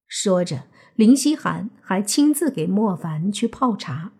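Husky woman reading a novel. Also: mid-range voice, very animated, a little slow, a little mellow. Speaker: narrator. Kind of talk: web novel audiobook narration.

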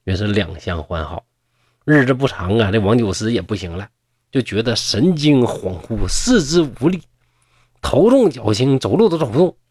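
A man's voice: mid-range voice, big pitch swings, normal speed, darkish tone, breathy edge, no echo, studio quality. A man telling a folk tale in a chatty manner with mocking asides. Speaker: storyteller.

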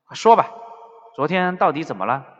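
A man's voice: medium pitch, expressive, normal speed, a bit bright, lightly acted. A man voicing a composed young male undercover officer who answers tersely and evasively, on a dull recording with a long reverb. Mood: guarded.

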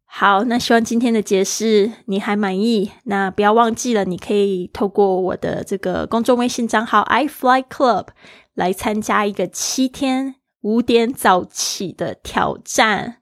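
A woman's voice: medium pitch, measured pace, no room sound, clean studio sound. A woman teaching an English lesson, explaining words and spelling them letter by letter, switching often between her own language and English.

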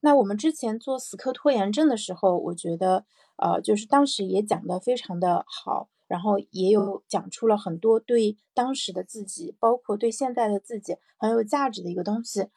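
Woman chatting reflectively, with a creaky, husky voice. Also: mid-range voice, normal speed, mellow, no room sound, clean studio sound. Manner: conversational, thinking aloud with repeated phrases and rhetorical check-in questions. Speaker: host of a personal morning audio show. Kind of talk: casual reflective solo podcast talk.

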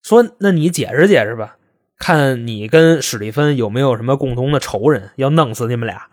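A man's voice: mid-range voice, lively intonation, moderate pace, no room sound, clean studio sound, natural voice. A man voicing a blunt, impatient police detective who grills a suspect with sarcastic questions. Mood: accusing. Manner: scolding, sarcastic, pressing questions.

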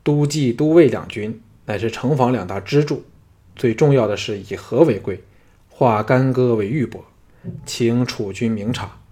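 A man's voice: medium pitch, measured pace, mellow, slightly rough. A male audiobook reader voicing an elderly former chancellor who speaks formally and persuasively in a courtly way.

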